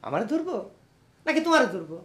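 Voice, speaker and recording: A man's voice: very high-pitched, very animated, quick pace, a bit bright, heavily acted. An actor playing a middle-aged, belligerent drunk village father in a comic TV drama, ranting sarcastically in a rural Bangladeshi accent. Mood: taunting.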